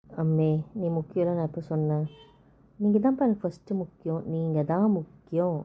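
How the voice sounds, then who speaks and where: Quick-talking young wife in a couple skit, dark mellow voice, coaxing and pleading, played by a woman. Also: lowish voice, close to an everyday voice. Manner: pleading, affectionate, then indignant. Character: young wife coaxing her sulking husband. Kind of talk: scripted family skit.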